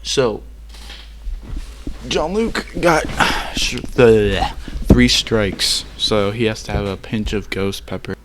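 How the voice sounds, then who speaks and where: Animated young man hosting casual video. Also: on the low side, slow pace, pauses often, background noise. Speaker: video host. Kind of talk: casual chat.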